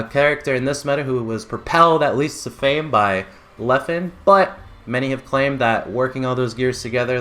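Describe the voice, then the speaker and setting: A man's voice: medium pitch, fairly bright tone. A man hosting an esports results show in a casual, enthusiastic, informal way. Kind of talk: casual esports recap and co-host chat.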